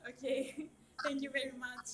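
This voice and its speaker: A young woman puts prepared questions as a student interviewer, quiet and far off. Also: high voice, level tone, measured pace. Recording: quiet, distant from the microphone.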